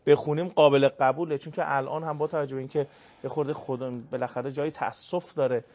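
A man's voice: medium pitch, steady tone. Courteous male radio host. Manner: polite, brisk, courteous. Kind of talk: call-in radio hosting. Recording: dull lo-fi radio broadcast.

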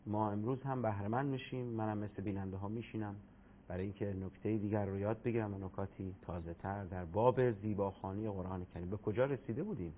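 A man with a fairly low voice hosts a religious program, polite and encouraging. His lines come through narrow and tinny. A faint hiss sits underneath. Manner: courteous, affirming. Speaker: program host.

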